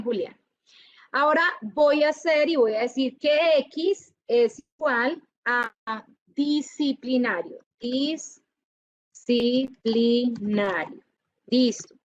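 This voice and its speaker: A woman teaching a university class, lively and often checking whether her students follow. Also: high voice, no echo, dull audio. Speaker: university lecturer. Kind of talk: classroom lecture.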